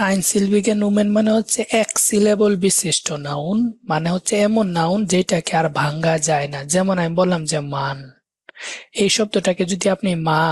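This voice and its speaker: A male language instructor leads a live grammar lesson, explaining step by step, repeating key words and slowing down to split words into syllables. His voice sits high and sounds husky, with no room sound.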